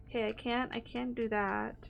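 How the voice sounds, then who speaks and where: A woman's voice: a little high, creaky, lo-fi sound, slight background noise. A young woman streaming a horror game, thinking aloud in casual commentary with lots of fillers and hesitations.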